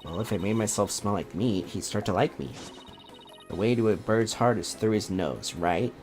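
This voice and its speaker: A man's voice: on the low side, moderate pace, a little mellow, soft background music, natural voice. A man voicing an eager, cheeky young woman lawyer from a video game. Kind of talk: video game dialogue read aloud.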